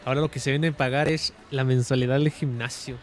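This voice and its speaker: A young streamer with a Mexican Spanish accent talks fast in a mid-range voice, casually commenting on a driving game with joking, excitable outbursts. Soft music plays in the background.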